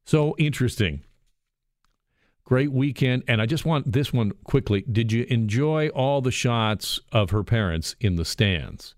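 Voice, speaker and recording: A man's voice: mid-range voice, lively intonation, unhurried, no room sound. A man hosting a radio talk show from a studio booth, chatty and jokey. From Canada. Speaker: radio host. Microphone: studio microphone.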